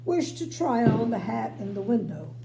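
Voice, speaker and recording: A woman's voice: fairly high pitch, sing-song, normal speed, creaky, echoey room, background noise. A woman voicing a haughty, vain little lady in a storybook, declaiming pompously. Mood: self-admiring. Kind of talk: storybook character voice.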